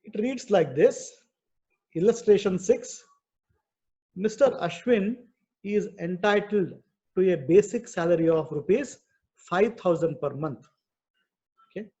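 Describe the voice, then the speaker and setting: Over dull, muffled video-call audio, a man with an Indian accent leads an online class. He explains worked problems one step at a time, repeating himself didactically and frequently asking "okay." His voice is high-pitched with a darkish tone.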